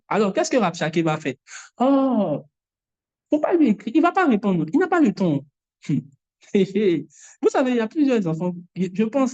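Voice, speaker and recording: A woman preaching a sermon in a lively way, acting out the voices she quotes. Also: lowish voice. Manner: animated, mimics voices. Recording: dull lo-fi sound.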